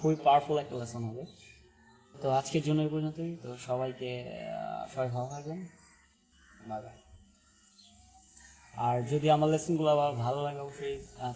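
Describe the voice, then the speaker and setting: A man gives an online pronunciation lesson, pausing often with fillers and restarts and checking in with the viewers. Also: mid-range voice, dark tone, big-room sound, poor audio. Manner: halting, with frequent fillers and restarts, repeats "ঠিক আছে?" to check on viewers. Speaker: English pronunciation teacher.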